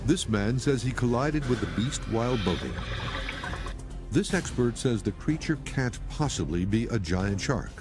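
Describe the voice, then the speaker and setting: A man reading scripted narration as the narrator of a documentary. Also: medium pitch. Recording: loud music under the voice. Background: music.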